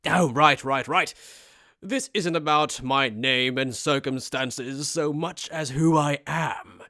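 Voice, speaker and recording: A man's voice: on the high side, slow pace, pushed and bright, no room sound, clean studio sound. A man playing a smug, sadistic aristocratic death god, with mocking, overacted anime-dub theatrics. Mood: smug, cruel. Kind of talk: anime fan-dub character acting.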